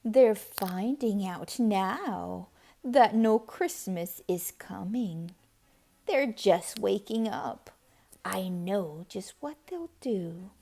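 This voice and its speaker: Woman reading as the Grinch, slow and slyly gloating. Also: medium pitch, expressive, gravelly, warm tone, voice pushed down, full character voice. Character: sly, gloating grumpy male holiday-hating creature. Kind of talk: children's storybook read-aloud.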